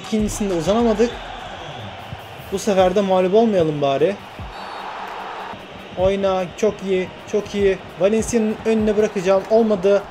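An excitable young man commentates his own football game, urging his players on and muttering to himself. His voice sits high for a man. Game music plays clearly beneath him. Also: moderate pace, pauses often. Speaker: gaming YouTuber.

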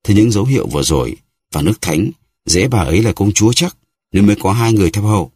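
A man's voice: on the low side, expressive, quick pace, darkish tone, husky, no echo, voice pushed up. A man voicing a jealous, reproachful lawyer's wife who pleads and sighs in a novel reading. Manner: pleading, sighing.

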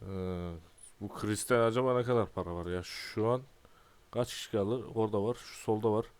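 Young male gaming YouTuber, twenties; clean resonant low voice, exasperated and grumbly, clears throat a lot. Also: moderate pace. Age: 20s. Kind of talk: casual gameplay commentary.

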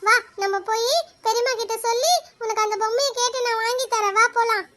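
A performer voicing a gentle cartoon boy who comforts a crying little girl. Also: very high-pitched, steady tone, fairly quick, heavy background noise. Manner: soothing, coaxing. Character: kind gentle young boy, caring cousin.

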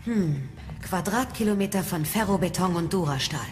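A woman acts a composed and observant female master in a German audio drama. Her voice is rather low, in long reverb. Faint music plays behind it. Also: animated, moderate pace, a little mellow, close to an everyday voice. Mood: musing.

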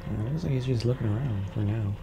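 A man at medium pitch talks fast, his voice slightly froggy, as he streams a video game from his room. His let's play commentary is casual and relaxed, half-muttered to himself, and the home recording has clear noise.

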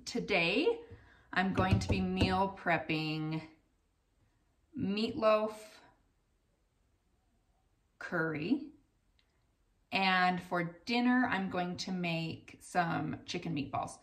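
A woman's voice: lowish voice, very slow, pauses often, distant mic. A woman in her thirties chatting candidly to camera in her home kitchen, in a conversational, self-deprecating way. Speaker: vlogger, mother. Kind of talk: casual chat to camera. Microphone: camera a little way off.

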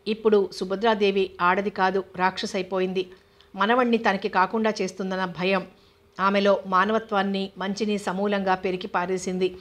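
A woman reads a serialized novel aloud in a steady, even manner. Her pitch sits in the middle and barely moves, giving a level, unhurried telling. It is plain storybook narration.

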